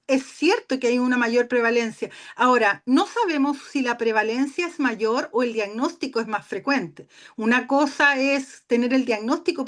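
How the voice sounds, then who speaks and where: Passionate woman, high and shrill. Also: a bit bright. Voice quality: shrill when tired. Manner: passionate, emphatic, with fillers. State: tired. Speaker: guest speaker. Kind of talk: webinar talk.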